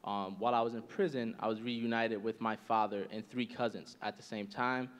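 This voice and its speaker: A man in his twenties telling his life story as a panel guest, earnest and steady with frequent "um"s. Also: on the low side, normal speed, in a large hall. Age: 20s.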